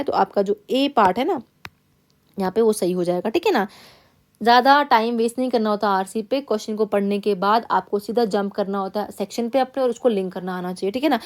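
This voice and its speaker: Higher-pitched woman teaching exam English. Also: a little mellow. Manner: repeats "theek hai na" as a check-in, reads English passages slowly. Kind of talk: classroom-style exam lesson.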